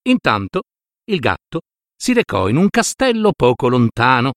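A man narrating a fairy tale in a scripted, expressive way, stretching out key words. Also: dry recording, clean studio sound. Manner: expressive, with dramatic swings of pitch and slowed key words. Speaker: storyteller.

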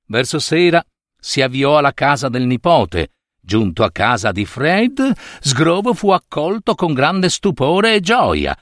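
A man narrating a story in a theatrical, expressive way. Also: fairly high pitch, takes it slowly, dry recording, studio quality.

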